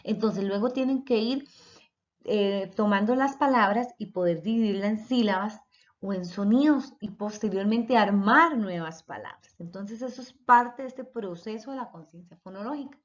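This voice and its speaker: A woman teacher talks through a recorded lesson at a steady middle pitch. She explains patiently and sounds out letters and syllables one by one. The recording is dull and lo-fi. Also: moderate pace. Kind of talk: recorded lecture.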